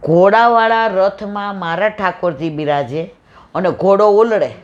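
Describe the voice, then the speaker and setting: A woman's voice: mid-range voice, measured pace. A woman with a Saurashtra Gujarati accent leads a devotional satsang at home, telling a temple story and slipping into each character's lines. Her voice sits in a middle register, and the recording sounds dull and lo-fi. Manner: animated storyteller, acts out dialogue, affectionate devotional tone. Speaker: satsang speaker. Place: home room with visiting devotees.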